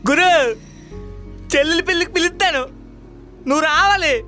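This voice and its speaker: A man's voice: very high-pitched, brisk, pushed and bright, faint music behind, pitched above the performer's own voice. An actor playing a young man who hopes his family will take him back. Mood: wistful.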